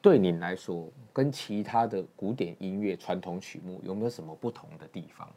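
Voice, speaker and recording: A man's voice: low-pitched, fairly quick, mellow. A middle-aged man with a Taiwanese Mandarin accent, chatting as an interviewer and composer, with frequent agreeing interjections. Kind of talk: casual interview chat.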